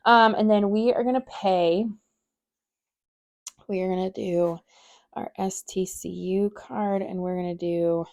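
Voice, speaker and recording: A young woman in a casual budgeting vlog, talking straight to her viewers in a relaxed, mellow voice. She rambles and fills her sentences with little asides and fillers. An emotional, slightly teary edge sits under everything she says. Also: medium pitch, a little slow, pauses often. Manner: chatty and rambling, full of fillers. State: emotional, close to tears. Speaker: budgeting vlogger. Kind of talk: casual chat to camera.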